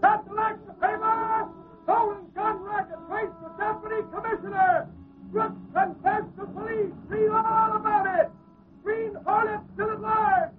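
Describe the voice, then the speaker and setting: An actor playing a brash newsboy, shouting drawn-out headlines in a 1940s radio drama on a tinny recording. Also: male voice, extremely high pitch, fairly even intonation. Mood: urgent hawking. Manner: shouted, drawn-out hawking cry. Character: brash street newsboy hawking papers.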